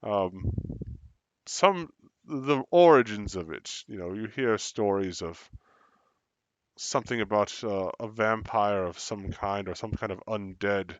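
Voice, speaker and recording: A man's voice: lowish voice, fairly even intonation, measured pace, no echo. Game master guy, stumbly, lots of ums, dry close mic. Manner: hesitant, filler-heavy narration. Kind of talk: running a tabletop game.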